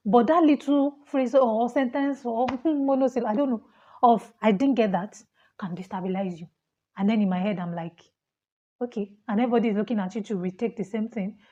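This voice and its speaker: A young woman with a Nigerian accent, a fast talker who laughs often as she speaks casually to camera about being a student. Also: a little high, mellow, muffled recording. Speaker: vlogger, international student.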